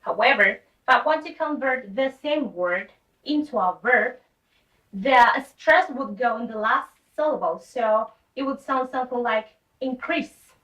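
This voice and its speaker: High bright woman teacher, echoey. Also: a little slow. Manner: patient, reads example sentences aloud. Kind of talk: explaining grammar with examples. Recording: echoey room, distant from mic.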